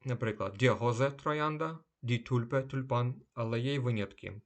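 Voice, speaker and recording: Man calmly reading a vocabulary lesson. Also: mid-range voice. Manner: measured, slows down to say each German word clearly. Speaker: language teacher.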